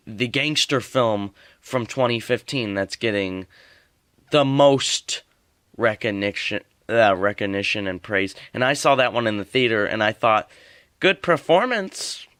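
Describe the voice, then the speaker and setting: A man's voice: on the low side, unhurried, fairly bright tone, no room sound, studio quality. A man giving a casual spoken movie review, rambling with fillers and restarts.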